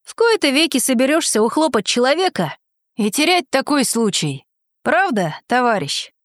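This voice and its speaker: A woman's voice: high voice, sing-song, moderate pace, dry recording, studio quality. A woman reading aloud, voicing a young man who politely teases and plays along with irony. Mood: ironic. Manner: polite, ironic, teasing. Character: mocking, ironic young man playing along.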